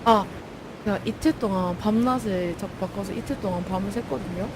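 A woman's voice: medium pitch, a little fast, noisy background. A young woman casually chatting while playing an online game, exclaiming and repeating herself.

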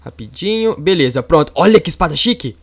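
A man with a Brazilian Portuguese accent hosting a Minecraft let's play, excitable and jumping to loud squeals when startled. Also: on the high side, fast, creaky. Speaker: gaming youtuber host.

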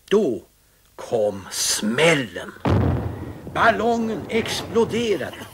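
A man reading a children's story aloud with expressive, dramatic storytelling. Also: mid-range voice, noisy background.

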